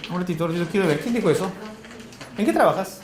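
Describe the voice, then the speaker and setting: A man with a Peruvian accent giving a classroom lecture, firing quick questions at his students in a colloquial way. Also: high-pitched, animated. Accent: Peruvian Spanish. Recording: echoey classroom.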